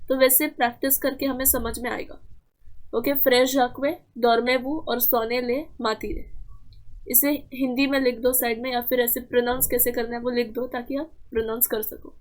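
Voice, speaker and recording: A woman's voice: high-pitched, a little mellow. A woman teacher explaining French letters and step by step, repeating words and checking in with "okay". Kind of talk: classroom lesson explaining French pronunciation.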